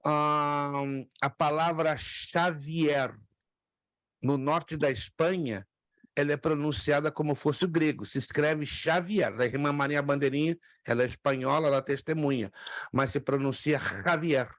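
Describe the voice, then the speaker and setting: Patient Brazilian teacher with a dry voice. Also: male voice, on the high side, fairly bright tone, no echo. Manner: explains patiently, repeats words slowly, asks the class questions. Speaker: theology teacher. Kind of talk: classroom lecture. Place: classroom with students.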